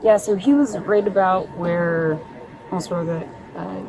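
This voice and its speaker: A woman being questioned by police, giving a casual account in a halting, hedging way that trails off. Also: lowish voice. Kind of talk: casual spoken account to an officer. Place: outdoors at a roadside. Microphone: police body camera worn by another person. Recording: noisy roadside bodycam with vehicle sounds. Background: traffic and outdoor ambience.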